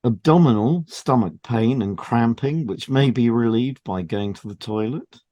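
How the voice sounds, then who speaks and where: A man with a mellow, relaxed voice at mid-range pitch co-hosts a podcast, reading scripted material. His measured, explanatory delivery suits an educational programme.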